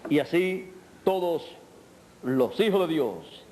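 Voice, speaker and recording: A man delivering a measured sermon, with deliberate, drawn-out phrasing and long pauses. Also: on the high side, lively intonation, a little mellow, a little hiss or hum. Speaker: preacher. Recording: old sermon recording.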